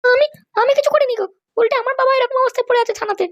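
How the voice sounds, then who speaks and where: A woman's voice: very high voice, rapid-fire. A woman voicing a put-upon young wife in a cartoon, pleading and protesting her innocence. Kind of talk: cartoon voice acting.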